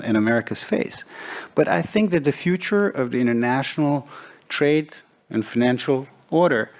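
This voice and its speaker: A middle-aged man from Serbia speaking as a forum panelist, measured and deliberate, with frequent pauses. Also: medium pitch. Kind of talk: panel discussion remarks.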